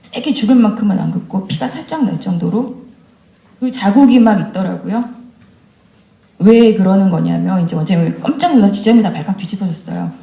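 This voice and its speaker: A woman's voice: medium pitch, fairly quick, vocal fry, dark tone. A woman in her forties giving a candid, conversational talk to mothers and asking them questions. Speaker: education speaker addressing mothers. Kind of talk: lecture to parents. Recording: roomy echo of a lecture hall.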